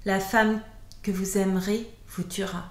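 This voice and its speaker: Naive young girl, read by a woman, gentle, teasing, soft voice, storybook reading, roomy echo. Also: medium pitch, level tone, unhurried, natural voice. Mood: fearful.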